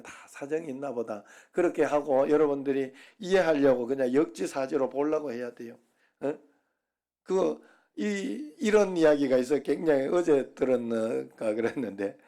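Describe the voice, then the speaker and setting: A man's voice: mid-range voice, dark tone. A middle-aged man preaching a Sunday sermon, folksy and humorous, telling dialect jokes to the congregation. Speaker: pastor.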